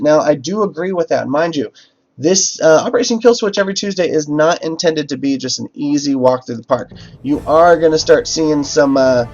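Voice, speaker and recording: A male livestream host chats loosely with his viewers, stumbling and restarting with plenty of "uh"s. His voice sits a bit high for a man. The stream audio is dull and lo-fi, with faint music underneath. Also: darkish tone. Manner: chatty, many fillers and restarts. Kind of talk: casual livestream talk to chat.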